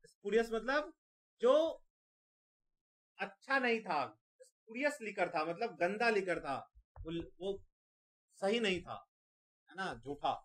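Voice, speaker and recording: Animated and fairly bright, this high-voiced man teaches exam vocabulary by saying each word slowly several times and spelling it out one letter at a time.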